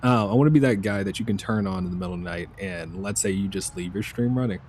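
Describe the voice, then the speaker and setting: Mellow low-voiced man streaming a game. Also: quick pace, a little hiss or hum. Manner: relaxed, chatty, laughs often. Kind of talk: live gameplay commentary.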